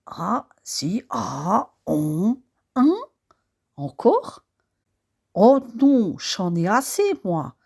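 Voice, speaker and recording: A woman's voice: medium pitch, sing-song, very slow, vocal fry, pauses often, darkish tone, husky, full character voice. A woman voicing a sleepy, grumbling maid with a put-on Alsatian accent, yawning through short replies.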